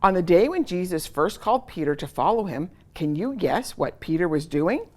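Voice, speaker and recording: A woman hosts a children's story time, reading a picture book aloud with lots of expression and asking her young listeners questions. Her voice is lowish and very animated, at a normal speed.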